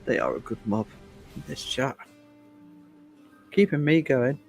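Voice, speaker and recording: A woman's voice: a bass voice, lively intonation, a little slow, creaky, a little mellow, soft background music. A woman in her fifties chatting casually with viewers on a livestream, rambling and chuckling often. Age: 50s. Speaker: livestream host.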